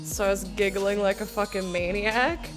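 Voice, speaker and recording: A woman's voice: medium pitch, normal speed. A woman streamer chatting playfully with her audience over a livestream headset mic, swearing casually. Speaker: game streamer. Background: background music.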